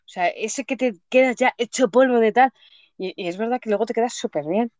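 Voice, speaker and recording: A woman's voice: fairly high pitch, fairly quick, a little mellow, dry recording, muffled recording. A woman with a Spain Spanish accent in casual chat, talking emphatically with plenty of slang. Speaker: podcast co-host.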